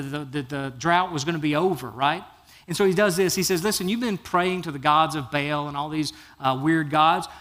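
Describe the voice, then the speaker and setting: A pastor preaching a sermon, telling Bible stories in a folksy, animated way and acting out the characters' lines. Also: male voice, a little high. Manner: animated storytelling, acts out biblical figures; folksy, casual phrasing.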